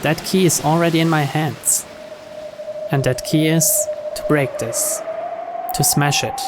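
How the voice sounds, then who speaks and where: Unhurried and somewhat high-pitched, a man narrates a visual novel dramatically as its first-person voice. He's a player reading the game's story aloud, captured clearly despite background noise.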